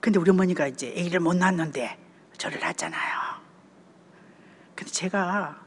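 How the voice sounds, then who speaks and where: A woman's voice: on the low side, fairly quick, breathy edge. Older Gyeongsang woman speaking in a hall. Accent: Gyeongsang Korean. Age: 70s. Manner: storytelling, often checks in with the audience. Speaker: church deaconess giving a family seminar talk. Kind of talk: conversational sermon talk.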